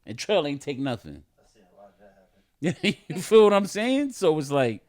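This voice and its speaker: Man, podcast co-host; animated storyteller, slightly high, very lively pitch, laughs through his lines. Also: slow pace. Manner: animated storyteller, acts out voices, laughs often. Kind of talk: casual chat.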